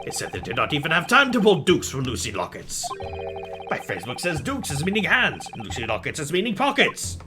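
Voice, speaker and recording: Streamer playing a foreign game character, stilted tourist-phrasebook English, emphatic delivery, animated pitch, music behind. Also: brisk. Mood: indignant.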